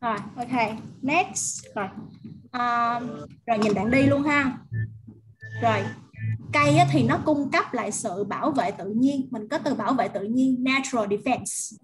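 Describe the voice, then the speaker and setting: A woman with a Vietnamese accent teaching English vocabulary over a video call, prompting students and repeating words slowly. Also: a little high, background noise. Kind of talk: online vocabulary drill.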